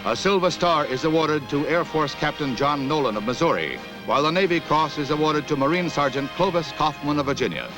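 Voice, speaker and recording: A man's voice: on the high side, animated, fairly quick, hardly any pauses, rough recording. A man giving formal, declamatory narration for an old 1960s newsreel. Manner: formal, declamatory announcer delivery. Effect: old newsreel soundtrack. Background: music.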